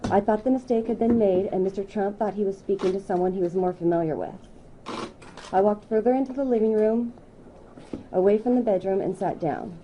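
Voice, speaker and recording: Woman reading a statement, dark-toned. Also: medium pitch, a little hiss or hum, poor audio. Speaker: speaker at a news conference. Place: news conference room.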